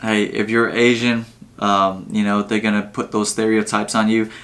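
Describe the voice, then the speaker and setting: A man hosting a casual reaction video, talking in a relaxed, rambling way with plenty of fillers. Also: lowish voice, moderate pace. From Vietnam. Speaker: channel host.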